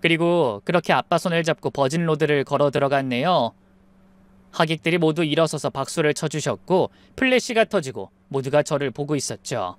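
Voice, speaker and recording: A woman's voice: low voice, animated, a little fast. A young woman telling her own story in the first person, confiding and reflective.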